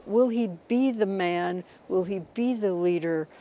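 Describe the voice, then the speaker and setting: An older woman answering an interview question in a slow, halting manner with frequent restarts. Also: medium pitch, heavy background noise. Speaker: interviewee, abuse survivor. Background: music bed.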